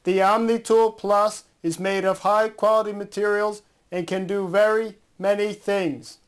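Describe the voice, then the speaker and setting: A man acts out a product lab expert in a parody infomercial. His voice is high and smooth, and he vouches for the product earnestly. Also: flat delivery, unhurried. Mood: matter-of-fact.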